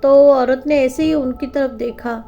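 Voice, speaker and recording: High-voiced woman telling a devotional tale. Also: normal speed, vocal fry, highs cut off, soft background music. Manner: lively, animated retelling with asides. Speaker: storyteller. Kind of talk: devotional storytelling.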